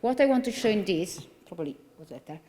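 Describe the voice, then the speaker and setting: A neurologist in her forties, a woman with a strong Italian accent, lectures at a conference from a lectern mic in a large hall with long reverb. Her mid-range voice is mellow yet animated, and she moves at a quick pace. As a consultant neurologist she explains earnestly, using many fillers and restarts.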